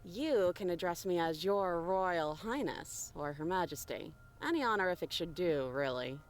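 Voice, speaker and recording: Young cartoon princess for a game: aloof, regal, snobbish, highly animated intonation. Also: female voice, normal speed. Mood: haughty.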